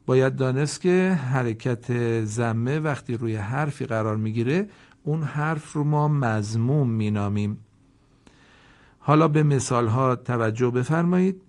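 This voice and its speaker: Guy teaching quran reading, sounds out each letter then says the word real slow, polite formal teacher voice. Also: medium pitch, darkish tone. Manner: spells out letters and vowels one by one, then reads the whole word slowly; polite, formal classroom address. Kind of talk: slow instructional lesson.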